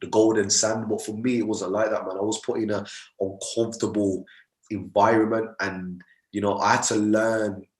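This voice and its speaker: A man's voice: lowish voice, level tone, moderate pace. A young man, a mindset coach talking earnestly as a podcast guest, often tagging "man" and "you get me" onto his sentences. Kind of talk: podcast conversation. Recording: roomy echo.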